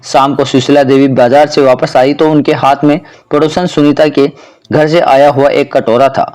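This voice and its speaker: A man telling a household story in narration, reading every character's lines in the same even voice. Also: mid-range voice, moderate pace.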